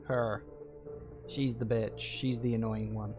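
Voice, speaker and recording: A man's voice: fairly low pitch, level tone, slow pace. A man giving casual video game commentary in an offhand, blunt, mildly sweary way. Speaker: gameplay commentator. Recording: voice over game music.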